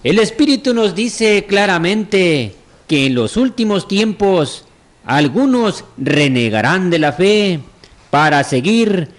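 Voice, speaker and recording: Male scripture reader, slow and high, repeats verse phrases on cue. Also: lively intonation. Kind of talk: reading scripture aloud.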